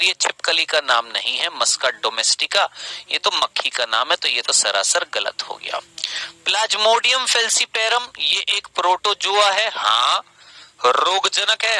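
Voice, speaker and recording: Young male coaching teacher, high and sharp-edged voice, scolds, sulks, stretches key words. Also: rough recording. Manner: scolding, then sulky and sarcastic with students; addresses students as beta, stretches key words. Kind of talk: online exam-question lesson.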